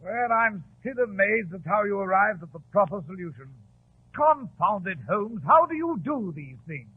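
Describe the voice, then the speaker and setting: An actor playing an amiable, admiring doctor, the detective's companion, hearty and exclamatory in 1940s radio style. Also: male voice, sits high, animated, normal speed, husky, exaggerated voice. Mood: puzzled, admiring. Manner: hearty, exclamatory, old-fashioned British turns of phrase. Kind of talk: 1940s radio drama acting. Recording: tinny 1940s radio recording.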